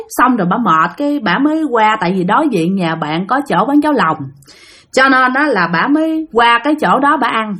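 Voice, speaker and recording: Woman storyteller; lively, wide-ranging delivery, speaks slightly high. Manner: animated, addressing listeners directly. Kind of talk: ghost story narration.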